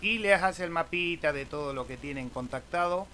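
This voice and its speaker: This amateur radio YouTuber from Argentina talks at a normal speed in a fairly high, bright voice with a forceful tone. His screen-share tutorial is informal and relaxed, sprinkled with a questioning "eh?", over clear background noise.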